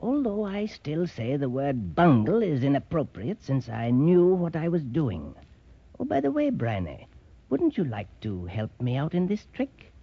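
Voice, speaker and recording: Pompous scheming villain magician. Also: male voice, fairly high pitch, big pitch swings, measured pace, slightly rough, no echo, full character voice. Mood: smugly scheming. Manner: pompous, wordy. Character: smooth-talking, scheming villain stage magician. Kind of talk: old-time radio adventure acting. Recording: dull lo-fi old radio, distant sound.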